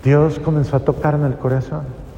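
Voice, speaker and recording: Middle-aged male priest, testimony sermon, slightly high, mellow voice, big echoing hall. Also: level tone, moderate pace, lo-fi sound, a little hiss or hum. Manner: emotional, rising to pleading cries then dropping to near-whispers. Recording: reverberant hall with faint ambience.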